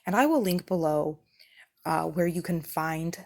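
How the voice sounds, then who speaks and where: In the manner of a parent vlogger, a woman in her thirties reviews children's subscription boxes, explaining them casually and conversationally. Her voice is low-pitched, unhurried and a little mellow.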